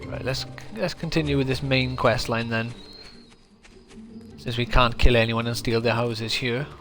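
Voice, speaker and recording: A man's voice: mid-range voice, steady tone, measured pace. A man from South Wales with a South Welsh accent, chatting casually through a live game stream and answering his viewers. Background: game music.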